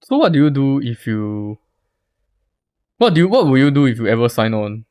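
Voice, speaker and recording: A man's voice: medium pitch, sing-song, normal speed, darkish tone. Chatty young Singaporean man streaming. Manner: chatty, talks to viewers, loose slangy phrasing. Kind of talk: casual live-stream chat.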